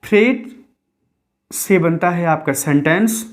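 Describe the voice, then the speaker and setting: A man's voice: a little high, slow pace. A man teaching English grammar in a patient, step-by-step explanatory lecture, dropping English terms into his talk.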